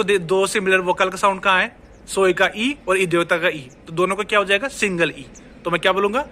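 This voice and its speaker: Bright high-voiced man teaching Spanish. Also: slight background noise. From India. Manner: explains step by step, asks and answers his own questions. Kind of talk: online language lesson.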